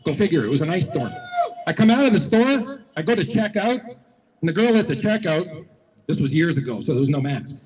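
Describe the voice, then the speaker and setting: A man's voice: a little high, sing-song, a little fast, a little mellow, long reverb tail, a little hiss or hum, poor audio. A man giving a folksy, repetitive motivational speech to a crowd at an outdoor rally, telling stories as he goes. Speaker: rally speaker. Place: outdoor public square rally.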